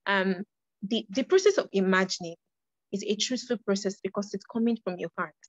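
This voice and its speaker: A woman's voice: mid-range voice, a little fast, dry recording, muffled recording. A young woman leading a creative writing workshop, earnest, often repeating and restarting her phrases. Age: young adult.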